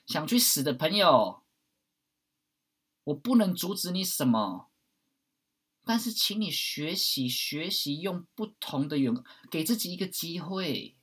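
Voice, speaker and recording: A man giving a blunt, preachy monologue, swearing at times and swinging between loud outbursts and hushed asides. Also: a little high, sing-song, a little slow, slightly rough. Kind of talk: impassioned monologue.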